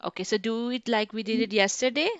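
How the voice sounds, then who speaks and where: A woman's voice: on the high side, steady tone, quick pace, fairly bright tone, clear, resonant tone, dry recording. A woman teaching grammar on a video call, patiently quizzing her students with guiding questions. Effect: video call audio. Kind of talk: online class, quizzing students. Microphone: computer mic on a video call. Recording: dull lo-fi video call audio.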